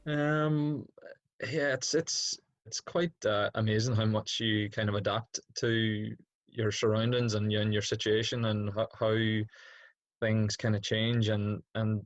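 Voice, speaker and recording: The guest is a young secondary school PE teacher from Derry, Northern Ireland, whose fairly low, level voice runs a little slow. He offers casual, thoughtful interview answers, hesitating as he works out each idea, in a dry recording.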